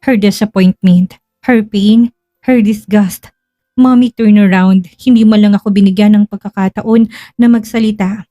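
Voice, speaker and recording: A woman telling a first-person dramatic story in a slow, hushed, emotional way. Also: mid-range voice, fairly even intonation, no room sound, clean studio sound, soft background music.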